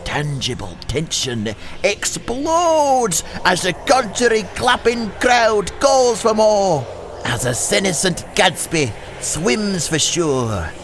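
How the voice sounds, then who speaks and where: A man's voice: high voice, sing-song, slow, background noise, exaggerated voice. A man playing a cheeky boyish comic performer with a brash, showy manner. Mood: grand. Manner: brash, showy, rolling alliterative verse. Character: cheeky boyish comic partner Little Jimmy. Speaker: comic stage act.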